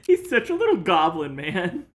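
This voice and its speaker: A woman chatting casually with friends as she plays a video game, expressive, playful and sweary. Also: lowish voice, unhurried, a little hiss or hum. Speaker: video game streamer reading and voicing dialogue. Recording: game music behind the voice.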